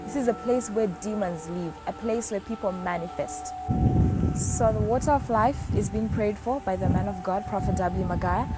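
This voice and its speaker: A woman's voice: mid-range voice, normal speed. Woman narrating a reverent site tour. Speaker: guide narrating a tour of a church prayer site. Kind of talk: documentary narration. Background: music.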